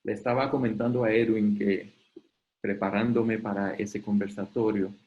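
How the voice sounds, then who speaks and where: A man facilitating an online webinar. He explains in a conversational way, often checks in with "ok?", and briefly acts out quoted questions in a higher voice. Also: flat delivery, normal speed, lo-fi sound. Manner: conversational, often tags sentences with "¿ok?". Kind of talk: live online talk.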